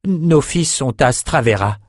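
A man's voice: medium pitch, lively intonation, measured pace, no room sound. A man voicing a nervous male shepherd held prisoner, hesitant and stammering, recorded dry.

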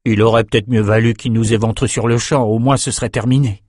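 A man's voice: medium pitch, fairly even intonation, brisk, a little mellow, husky, no echo, studio quality, natural voice. A man voicing a gloomy, grumbling young male nobleman in an audiobook.

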